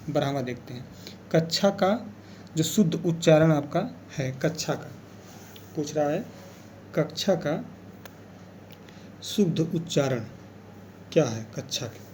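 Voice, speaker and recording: A man leading an exam revision lesson, speaking patiently and going back over key words. His voice sits a little high for a man but sounds dark and mellow. There is a faint hiss of room noise behind him. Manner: explains patiently, repeats key words, keeps saying "theek hai". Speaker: teacher.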